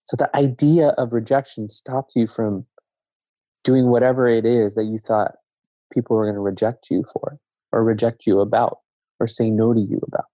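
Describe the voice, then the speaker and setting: A man from Zambia, a guest in a casual conversation, speaking in a reflective, measured way and often restarting his sentences. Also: medium pitch, fairly even intonation, warm tone, no echo. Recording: dull lo-fi dry sound.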